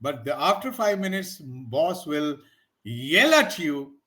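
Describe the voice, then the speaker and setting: Animated male teacher, lively pitch. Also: slow pace. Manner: animated, acts out example phrases with varied tones. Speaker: English teacher. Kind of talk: conversational English lesson.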